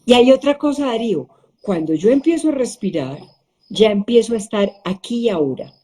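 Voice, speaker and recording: A woman's voice: on the high side, animated, brisk, warm tone. A middle-aged woman hosting a conversation, reflecting aloud and asking rhetorical questions. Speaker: host. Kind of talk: conversational interview.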